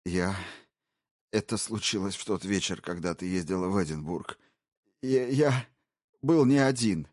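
Guy voicing a stammering guilty husband, a bit higher than his own voice, dry close recording. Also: darkish tone, no echo. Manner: halting and stammering. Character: guilt-ridden sobbing husband held hostage.

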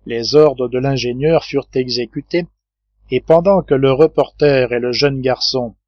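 A man reading a classic novel aloud as an audiobook narrator, in a steady measured manner. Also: mid-range voice, dry recording. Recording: dull dry lo-fi recording.

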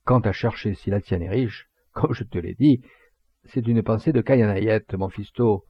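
A man voicing a jovial, hearty, fatherly middle-aged poacher who lectures in a booming, sententious way. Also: moderate pace, slightly rough, dry recording, lo-fi sound.

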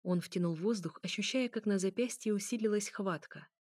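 A woman narrating a story in a measured, even reading voice. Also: medium pitch, dry recording, studio quality. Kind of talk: audiobook narration.

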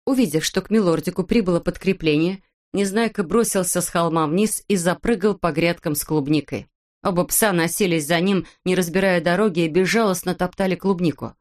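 A woman reading a children's storybook aloud as an audiobook narrator, in a steady, even manner. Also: fairly low pitch, a little fast.

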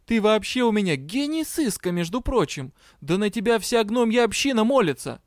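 A man's voice: high-pitched, animated, moderate pace, no room sound, studio quality, pitched above the performer's own voice. A man voicing a hot-tempered young male drow detective who scolds and rants in exasperation. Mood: lecturing.

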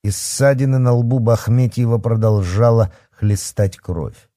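A man reading a dark fantasy story aloud with expressive, dramatic narration. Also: mid-range voice, measured pace, no echo, clean studio sound. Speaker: audiobook narrator.

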